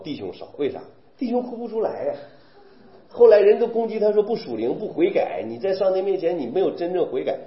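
Male preacher, animated, full of rhetorical questions; roomy, dull recording. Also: high-pitched. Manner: animated, rhetorical questions, mimics weeping believers. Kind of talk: sermon.

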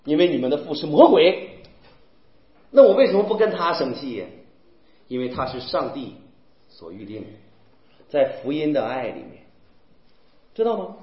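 A man preaching a sermon, swinging between loud bursts and low murmurs and asking many rhetorical questions. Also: reverberant, muffled recording. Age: young adult. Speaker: pastor.

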